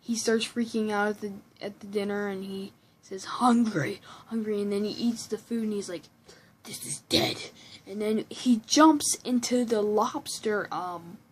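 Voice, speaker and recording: A woman's voice: mid-range voice, normal speed, hardly any pauses, darkish tone, breathy edge, poor audio. A woman giving a casual, rambling movie review at home, often restarting sentences and breaking into giggly asides. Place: room at home with a computer behind her.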